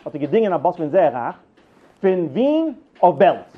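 High-voiced man on tinny line. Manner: halting, repeats and restarts words, animated. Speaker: storyteller. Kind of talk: rambling personal anecdotes.

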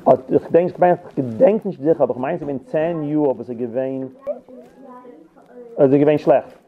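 A man's voice: fairly high pitch, brisk, background noise. Man teaching a Bible lesson over a phone line. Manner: animated storytelling with acted quotes and many restarts. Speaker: Torah teacher. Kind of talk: Yiddish-flavored Bible lesson.

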